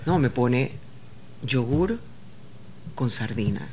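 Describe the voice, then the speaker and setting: A woman, a journalist guest, telling stories in a casual, animated way. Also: rumbling low, slow, a little hiss or hum. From Panama. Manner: animated, acts out others' lines in shifting voices. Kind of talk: casual storytelling.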